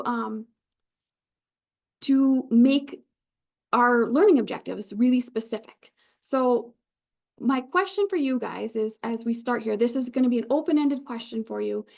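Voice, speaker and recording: A woman's voice: on the high side, gravelly, darkish tone. A woman with an Upper Michigan Yooper accent leading an online training as an informal, conversational instructor who reassures her learners. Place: live online video session.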